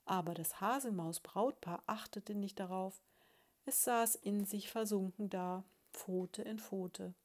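Mellow woman reading a storybook. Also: mid-range voice. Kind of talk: scripted storybook narration.

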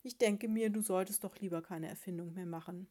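A woman voicing a sensible mother bear in a storybook, calmly chiding. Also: mid-range voice, brisk, lightly acted.

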